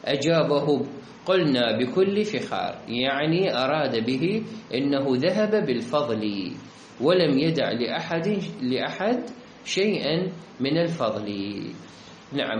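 A man's voice: medium pitch, sing-song, normal speed. A man teaching a lesson. He explains each example by going back over the question and the answer. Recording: echoey room with faint ambient hum.

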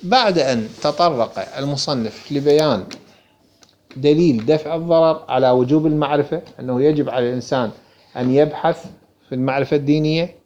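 A man's voice: a little high, a little fast, a little mellow. A man with an Iraqi accent giving a religious lesson, explaining a book and answering his own questions. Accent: Iraqi Arabic. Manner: rhetorical questions answered himself. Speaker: religious teacher. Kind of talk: lecture explaining a text.

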